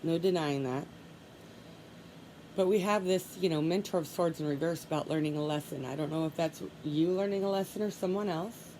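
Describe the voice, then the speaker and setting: Calm and soft-spoken, a woman with a low, congested voice gives a tarot reading by herself, repeating the same gentle requests as she pulls cards. The recording is rough, with a steady hiss underneath.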